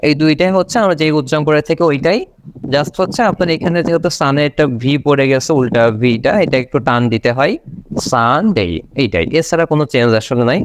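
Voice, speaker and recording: Man drilling words slowly, over and over. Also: a little high, slight background noise. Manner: drills words slowly, repeating each several times. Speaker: English pronunciation teacher. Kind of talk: online class lesson.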